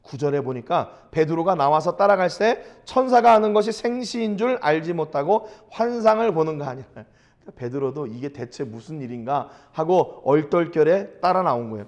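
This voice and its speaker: A man's voice: on the high side, darkish tone. A man preaching a sermon as pastor. He retells scripture in casual speech and keeps asking the listeners rhetorical questions. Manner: storytelling with frequent rhetorical questions.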